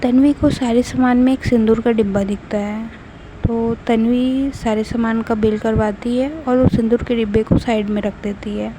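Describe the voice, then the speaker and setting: A woman's voice: on the high side, steady tone, moderate pace, background noise. A woman narrating a love story and voicing both lovers' lines herself in a playful, teasing way. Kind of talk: narrated story reading with acted dialogue.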